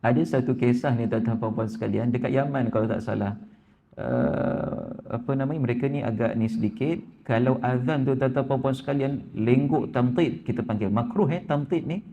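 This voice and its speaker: A man's voice: normal speed, vocal fry, warm tone, highs cut off, slight background noise. A man with a Malaysian Malay accent giving an evening lecture in a mosque, often turning to the congregation and acting out voices in the stories he tells. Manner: addresses audience repeatedly, acts out quoted voices with lifted pitch. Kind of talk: Malay religious sermon. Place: neighbourhood mosque prayer hall.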